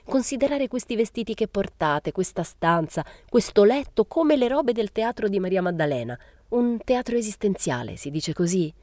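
A woman's voice: on the low side, mellow, no echo, voice pushed up, close to an everyday voice. A woman reading as a smug sneering young painter. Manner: sneering, lecturing.

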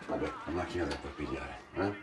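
An actor playing a grumpy, swearing photography studio boss. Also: male voice, a bass voice, fairly quick. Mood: exasperated. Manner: swears, gruff and exasperated. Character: grumpy foul-mouthed male studio boss. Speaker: film character, studio owner and Alice's business partner. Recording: roomy film audio with loud music.

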